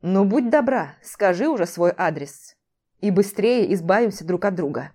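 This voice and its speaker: A woman doing a cold, mocking ex-husband, calm and level, domineering, warm mellow tone, audiobook. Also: mid-range voice, moderate pace, close to an everyday voice.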